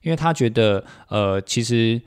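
A man's voice: medium pitch, lively intonation, moderate pace, clear, resonant tone. A man with a Taiwanese Mandarin accent, co-hosting a casual chat and slipping into Hokkien phrases. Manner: repeats confirmations, switches into Taiwanese Hokkien phrases. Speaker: podcast co-host, parent.

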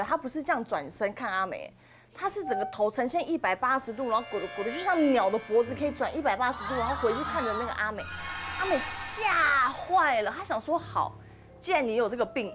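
A woman with a Taiwanese Mandarin accent hosts a podcast and tells a ghost story in a casual, chatty way. Her voice sits a little high, and her pitch rises and falls a great deal as she acts out the characters' lines. Faint music plays under her. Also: a bit bright. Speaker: podcast host.

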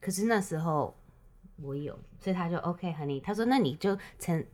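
A woman's voice: fairly low pitch, expressive, a little fast, darkish tone. A woman telling a story in casual chat, switching often between Mandarin and English.

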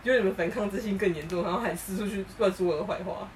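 A woman co-hosting a casual chat podcast, telling stories in a lively way and acting out what people said. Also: medium pitch, fast talker, distant mic, slight background noise, poor audio. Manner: animated storytelling, acting out quoted lines. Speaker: podcast co-host.

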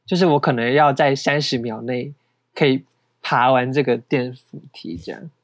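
A man's voice: medium pitch, moderate pace, no echo. A young man with a Taiwanese Mandarin accent, co-hosting a podcast in casual, self-mocking chat. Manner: chatty, self-mocking, laughs often. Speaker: podcast co-host.

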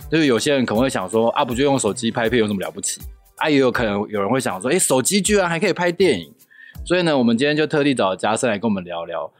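A woman's voice: a bass voice, husky. A woman with a Taiwanese Mandarin accent, hosting a podcast in casual chat. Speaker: podcast host.

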